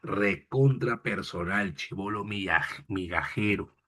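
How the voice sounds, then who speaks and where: A man with a Peruvian Spanish accent teaching a literature class, joking with his students and slowing down to recite poems. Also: low-pitched, pushed and bright. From Peru. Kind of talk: online class lecture.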